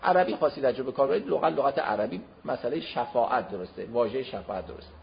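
Male preacher lecturing, emphatic with sudden loud and soft swings, mid-pitched, dull lo-fi recording. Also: expressive, creaky, a little hiss or hum. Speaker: religious lecturer. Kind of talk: religious lecture.

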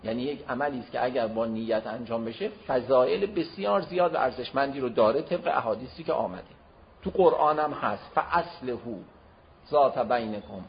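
A man giving a religious lecture, explaining to listeners, with emphatic swings between loud and soft delivery. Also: mid-range voice, expressive, creaky, slight background noise. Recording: dull lo-fi recording.

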